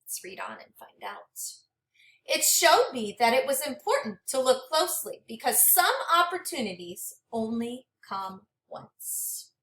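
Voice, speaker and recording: With a distant mic in an echoey room, a high-voiced teacher brings a picture book to life for kids, dramatic and highly animated. Keeping a measured pace, she alternates storytelling with questions aimed right at her young audience.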